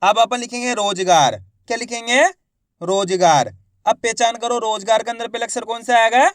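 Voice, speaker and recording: A man with a high voice leads a reading lesson and coaxes his listeners along. He sounds out each syllable slowly and then says the whole word. The recording is dry and close, with no room sound. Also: no room sound. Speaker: Hindi reading teacher. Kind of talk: spoken lesson.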